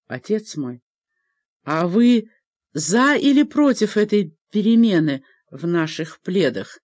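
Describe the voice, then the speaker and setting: A woman's voice: mid-range voice, big pitch swings, takes it slowly, darkish tone, no room sound. Woman reading as an anxious young lady. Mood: earnest. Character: young noblewoman, anxious yet stubborn.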